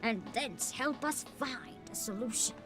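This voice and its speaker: A woman's voice: fairly high pitch, over music, pitched below the performer's own voice, lightly acted. Woman putting on a courtly, troubled old man. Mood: earnest, troubled. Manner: courtly, archaic, measured phrasing. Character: formal old man, a festival delegate asking for help.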